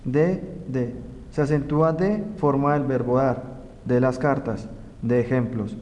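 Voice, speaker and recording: A young man from Colombia, a student reading a grammar lesson aloud in a slow, careful way. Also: medium pitch, a little mellow, muffled recording. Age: young adult. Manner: slow, careful reading of rules and example words. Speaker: student presenter. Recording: roomy reverb, faint background noise.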